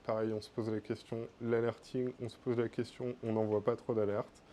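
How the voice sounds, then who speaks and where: French man giving a meetup tech talk, mellow, relaxed delivery, slight room noise. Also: mid-range voice. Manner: casual, many fillers. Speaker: conference speaker.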